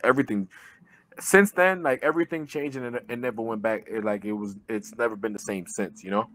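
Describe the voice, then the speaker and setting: A man's voice: lowish voice, a little fast, a bit bright. A man, talking loosely over a video call as an interview guest, with plenty of fillers and swearing. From born in Jamaica, raised in Brooklyn. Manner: loose, conversational, swears freely, many fillers. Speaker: guest, army veteran and pro boxer. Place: living room indoors. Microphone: webcam with earbuds.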